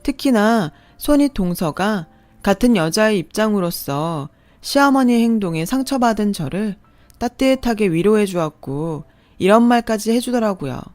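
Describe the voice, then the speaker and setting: A woman narrating a first-person radio-drama story in a calm, steady storytelling voice. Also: mid-range voice, moderate pace, dry recording.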